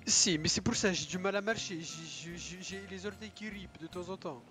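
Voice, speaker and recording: A man's voice: sits high, a little fast, music in the background. A man in a game role-play, chatting lightly and laughing easily.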